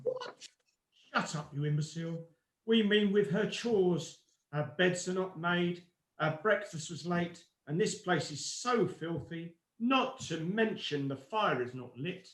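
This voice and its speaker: A man's voice: high-pitched, a little slow. A man playing a vain, pompous pantomime ugly sister, grandiose and scornful in broad stage style. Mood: scornful snapping. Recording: roomy echo, faint noise, clicks.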